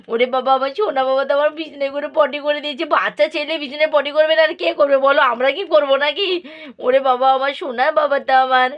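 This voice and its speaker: A busy young mother doll who fusses over her baby in quick baby talk, as a woman voices her. Her voice is high and bright, and it moves at a brisk pace over a faint hiss.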